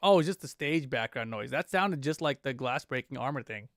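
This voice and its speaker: A man's voice: medium pitch, animated, a little fast, a bit bright. A man chatting casually as he watches a match, bantering in slangy, profane asides in the manner of rival announcers talking across each other.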